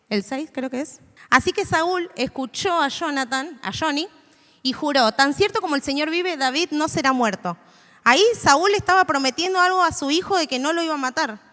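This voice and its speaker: A woman's voice: on the high side, sharp tone. A woman in her twenties giving an informal, hesitant sermon to a live audience, with many fillers and restarts. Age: 20s. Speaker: youth church speaker. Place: stage in a hall before an audience. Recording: long hall reverb.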